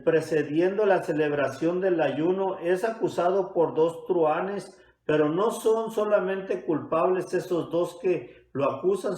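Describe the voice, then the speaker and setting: A male pastor preaching a sermon, retelling a Bible story with dramatic pauses, in a church. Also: a little high, darkish tone. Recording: echoey church sanctuary.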